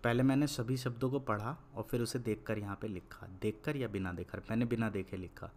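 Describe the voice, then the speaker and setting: A young man teaching Hindi in an online lesson. He is patient, explains slowly, repeats words, and turns blunt when he lectures. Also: lowish voice, fairly even intonation, a little mellow.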